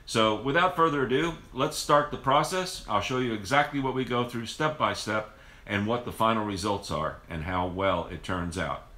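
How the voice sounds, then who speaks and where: A man's voice: on the low side, moderate pace, sharp tone, echoey room. A man hosting a home cooking video, explaining the method casually and rambling with frequent restarts in his kitchen.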